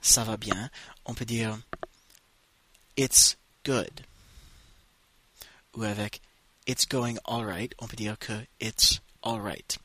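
Man, language lesson, bright husky tone, very slow delivery, dry close sound. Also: mid-range voice, dry recording. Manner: slow, drawn-out model phrases for repetition. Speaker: English teacher.

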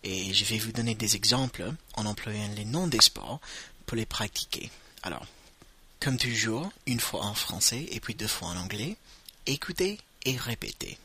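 A man's voice: on the low side, lively intonation, normal speed, bright, forceful tone, a little hiss or hum. A man teaching vocabulary in a patient lesson, saying each word and repeating it for learners to echo. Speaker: language teacher. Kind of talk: slow spoken language lesson.

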